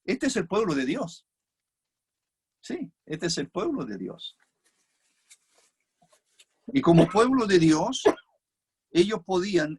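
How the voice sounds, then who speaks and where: A man's voice: sits high, slightly rough. A man with a Chilean Spanish accent preaching an expository sermon, reflective and repeating key phrases for emphasis.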